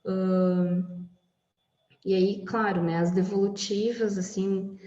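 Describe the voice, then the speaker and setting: Woman music therapist chatting on a podcast, mellow voice, roomy echo, dull remote-call sound. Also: mid-range voice, steady tone, slow. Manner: explanatory, many "né" tags. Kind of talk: casual podcast conversation.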